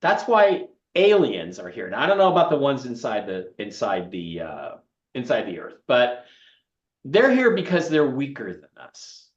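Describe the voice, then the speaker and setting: A man's voice: mid-range voice, huge pitch swings, moderate pace. A man hosting an interview, talking in an emphatic, opinionated way. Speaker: host. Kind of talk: casual interview chat. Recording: echoey, dull lo-fi remote audio.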